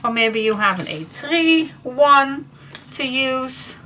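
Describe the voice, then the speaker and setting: A woman's voice: high-pitched, lively intonation, takes it slowly, bright, forceful tone, a little hiss or hum. A Dutch woman teaching a crafting tutorial in a chatty, giggly way, often correcting herself. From Netherlands.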